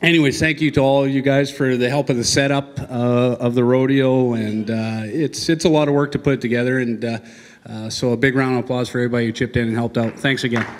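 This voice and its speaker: Male event presenter, folksy and halting, speaking informally in front of an audience in a reverberant hall. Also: mid-range voice, fairly even intonation. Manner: casual, folksy, halting with frequent ums and pauses. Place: large banquet hall. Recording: echoey hall over PA, long reverb.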